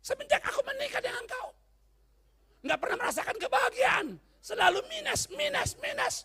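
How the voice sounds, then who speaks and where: A man voicing an angry, complaining middle-aged wife who shouts her grievances. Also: extremely high pitch, animated, fairly quick, gravelly, voice pushed up, full character voice. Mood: exasperated.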